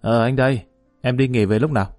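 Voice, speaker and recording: A man's voice: medium pitch, steady tone, fairly quick, a little mellow, dry recording, clean studio sound, faint music behind, natural voice. A man voicing a two-faced male official who acts indignant and innocent in a spoken story. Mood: feigned shock. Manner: indignant, play-acting innocence.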